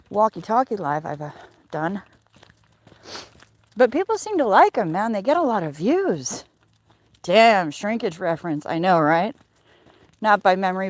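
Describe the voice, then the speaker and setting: With a medium-pitched voice and no echo, a woman hosts a walk-along livestream outdoors in her neighborhood. She's playful, wry and salty, rambling casually, and the handheld recording picks up plenty of outdoor noise.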